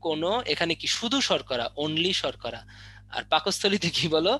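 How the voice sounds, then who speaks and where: A young man runs an online biology lesson for exam prep. His voice is bright and sits a little high, and he keeps quizzing the class and playfully threatening to beat anyone who answers wrong. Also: animated, moderate pace, faint music behind. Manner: teasing mock threats, drilling questions. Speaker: biology tutor.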